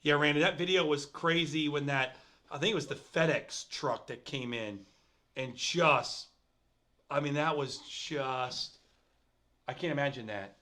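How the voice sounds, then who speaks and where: A middle-aged man with a fairly high speaking voice hosts a relaxed live show. He chats animatedly and reads viewer comments aloud. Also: a little slow. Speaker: host. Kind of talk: casual livestream chat.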